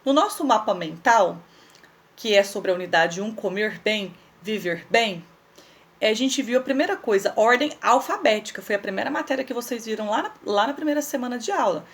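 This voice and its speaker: A woman's voice: mid-range voice, fairly bright tone. A woman teaching young children in a recorded lesson, patiently spelling out words and asking questions she answers herself. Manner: patient, explains slowly and spells things out, asks questions and answers them herself. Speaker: primary school teacher.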